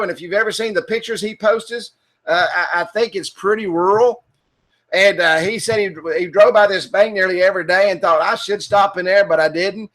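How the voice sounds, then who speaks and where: A man giving a webinar sales training, energetic and repetitive, often asking "okay?" and posing rhetorical questions. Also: high-pitched. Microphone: computer mic in a webinar.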